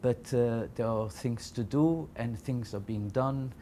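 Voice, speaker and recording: A faint rumble lies beneath the warm, mellow voice of a middle-aged man from Belgium who founded a Yiddish library. He recounts his experiences to camera in a thoughtful, hesitant way, frequently doubling back on his words.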